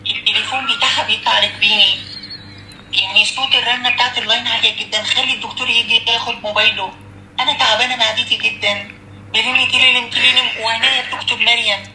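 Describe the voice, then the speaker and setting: A man's voice: very high voice, fairly even intonation, pushed and bright, echoey room, slight background noise, exaggerated voice. A man doing a woman's voice, playing an anxious, complaining female patient with an Egyptian Arabic accent in a prank phone call. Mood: pleading, complaining. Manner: rapid, dramatic complaining.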